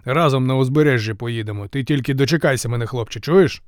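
A man reading an audiobook, voicing a shrewd hero who speaks in a cool, firm, measured way. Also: mid-range voice, no echo, studio quality, lightly acted. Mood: firm, calm. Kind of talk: audiobook character voice.

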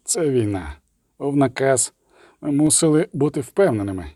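A commanding knight with clipped, stern delivery, performed by a man reading a story. The voice is dark and mellow. The recording is close and dry. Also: medium pitch, big pitch swings, moderate pace, no room sound. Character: stern male knight, commanding yet guilty.

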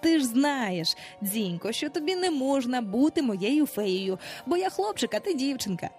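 A woman's voice: sits high, big pitch swings, a little mellow, soft background music. A woman reading an audiobook, voicing a cheeky boy who never grows up, boastful and breezy. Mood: explaining. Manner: boastful, breezy, quick to brush things off.

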